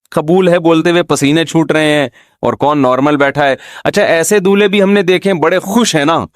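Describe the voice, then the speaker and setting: Speaking in a voice on the high side, a man delivers a lighthearted, informal religious talk as an Islamic scholar, frequently posing rhetorical questions to the audience. The sound is clean studio audio with no room tone.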